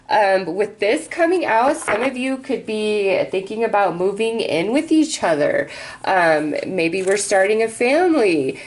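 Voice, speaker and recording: A woman's voice: on the low side, slight background noise, low-quality recording. A woman giving a casual mystical horoscope reading, chatty and reassuring, speaking straight to the listener. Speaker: astrology tarot reader, host.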